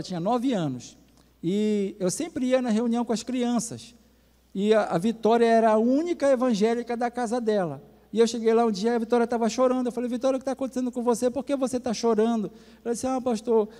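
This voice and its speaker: A man's voice: high-pitched, dark tone. A man, a pastor, giving a folksy sermon lesson with personal stories and speaking directly to the congregation. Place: church hall. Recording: long hall reverb.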